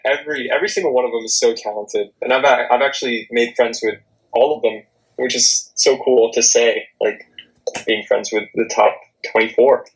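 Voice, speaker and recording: A man's voice: mid-range voice, fairly even intonation, moderate pace, breathy edge, muffled recording. A young American man chatting casually as an interview guest, youthful, informal and self-deprecating. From Florida, United States. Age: young adult. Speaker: interview guest, singing contestant.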